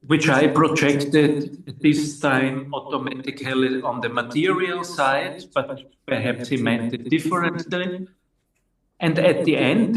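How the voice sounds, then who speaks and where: Older austrian guy telling his story slow, lots of pauses, kinda high voice, far from mic in a roomy space. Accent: Austrian German. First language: German. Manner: slow and halting, with many pauses and fillers. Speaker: interviewee. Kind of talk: personal storytelling. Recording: echoey room, distant mic.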